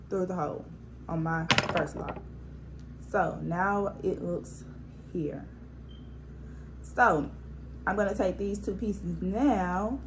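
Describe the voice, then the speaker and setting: A woman's voice: mid-range voice, slight background noise. A woman hosting a hair tutorial, casually talking through each step as she works with her hands, recorded on a propped-up phone. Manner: relaxed, instructive, talks through each hand step. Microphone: phone propped up on a spray bottle.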